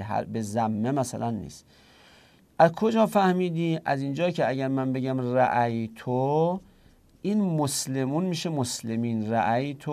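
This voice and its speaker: Gravelly man explaining grammar rules. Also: medium pitch, a little mellow. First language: Persian. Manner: explains step by step, asks questions and answers them himself. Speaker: Arabic grammar teacher. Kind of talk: explanatory lesson.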